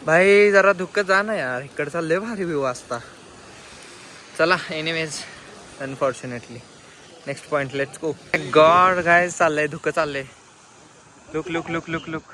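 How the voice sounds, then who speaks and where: Excitable young man vlogging outdoors. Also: a little high, slow, pauses often, a little hiss or hum, rough recording. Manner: excited, mixes Marathi and English, teases family. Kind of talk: travel vlog, chatty narration to camera. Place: outdoor hill viewpoint.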